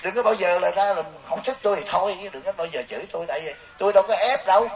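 A man's voice: high voice, quick pace. A man, a Buddhist monk giving a joking, storytelling dharma talk to lay listeners. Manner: animated, joking, storytelling with quoted voices. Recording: hissy distant recording.

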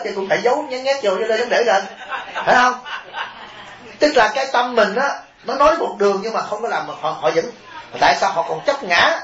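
A man, a Buddhist monk, telling stories in a lively sermon and asking his listeners questions directly. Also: sits high. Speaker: Buddhist monk giving a dharma talk. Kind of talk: storytelling sermon. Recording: roomy, dull lo-fi recording with faint hiss.

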